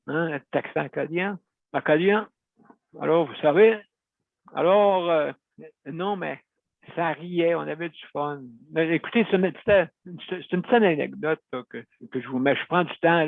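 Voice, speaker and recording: Host, male, gravelly and slightly high, rambling chatty delivery, dry tinny phone-like sound. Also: dry recording. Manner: rambling, chatty, self-correcting storyteller. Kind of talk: casual talk to listeners.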